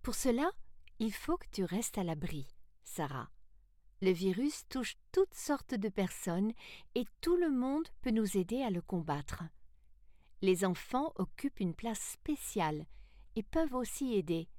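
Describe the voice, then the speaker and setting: A woman voicing a mother who is a scientist, explaining things slowly and soothingly. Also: medium pitch, big pitch swings, a little mellow, no echo, studio quality. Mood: reassuring. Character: gentle mother and scientist, calm and reassuring.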